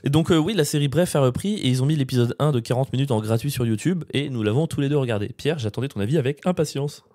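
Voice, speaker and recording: A man from France co-hosting a podcast, rambling and poking fun at himself in quick slangy bursts. The sound is dry and close to the mic. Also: medium pitch, warm tone, no room sound. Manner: slangy, rambling, self-mocking. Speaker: podcast co-host. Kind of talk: casual chat.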